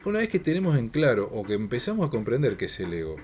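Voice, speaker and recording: A man, giving a spiritual workshop talk and speaking in a measured way, repeating his points and asking rhetorical questions. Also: mid-range voice, huge pitch swings, darkish tone, slight background noise.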